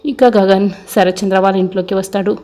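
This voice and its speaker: A woman retelling the episodes of a TV serial in steady scripted narration. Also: mid-range voice, fast.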